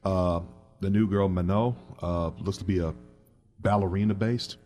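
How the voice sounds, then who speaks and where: A man's voice: sits low, fairly even intonation, moderate pace, mellow, faint music behind. A man co-hosting a casual gaming podcast, mostly brief agreements and hesitant remarks. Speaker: podcast co-host.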